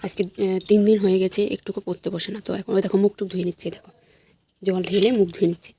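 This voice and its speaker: A woman's voice: medium pitch, level tone, very fast, mellow, slight background noise. A young woman, vlogging casually at home and coaxing her toddler between asides to viewers. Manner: coaxing, chatty, talks to viewers between prompts. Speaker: vlogger and mother.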